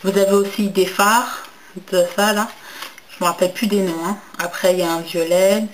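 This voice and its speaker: A woman's voice: medium pitch, fairly even intonation, moderate pace, a little hiss or hum, low-quality recording. A young woman chatting casually in a makeup haul video, hesitant with many fillers and restarts, and enthusiastic about packaging. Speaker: beauty vlogger.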